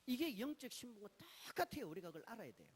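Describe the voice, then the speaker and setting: Animated high-voiced Korean pastor preaching. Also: male voice, fast, husky. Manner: swings from loud exclamations to low, hushed asides; emphatic, asks questions and answers them himself. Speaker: guest pastor giving a testimony. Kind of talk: testimony sermon. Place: church meeting hall.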